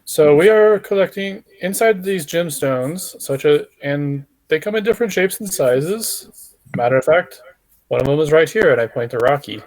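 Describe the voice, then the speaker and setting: A man's voice: a little high, expressive, moderate pace, darkish tone, poor audio. A man playing a tabletop role-playing game, talking casually as he moves in and out of character.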